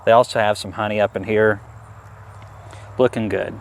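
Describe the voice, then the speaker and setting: Speaking at a normal speed in a steady, fairly low voice, a man gives casual interview answers about beekeeping while working a hive outdoors. Slight background noise is present.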